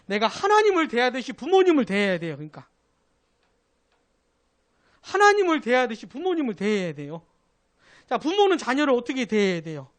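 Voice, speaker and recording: A man's voice: extremely high pitch, huge pitch swings, a little fast, pauses often. A man, a pastor teaching a Sunday doctrine class, who keeps asking his listeners questions and then answers them himself.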